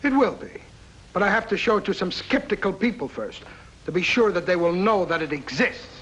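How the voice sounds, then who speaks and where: An actor playing a smug, scheming foreign diplomat in a 1950s radio drama. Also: male voice, sits high, animated, brisk, fairly bright tone, slightly rough, exaggerated voice, rough recording. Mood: taunting. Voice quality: smug, mocking.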